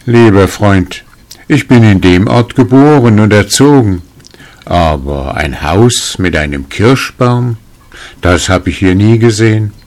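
A man voicing a crafty, quick-witted tailor who talks slyly and bursts out in mock indignation, in a read-aloud folk tale. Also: lowish voice, lively intonation, darkish tone, voice pushed up. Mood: friendly. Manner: sly, indignant exclamations.

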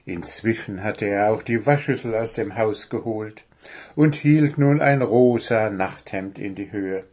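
A man reading a children's story aloud as narrator, calm and even. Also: fairly low pitch, a little slow.

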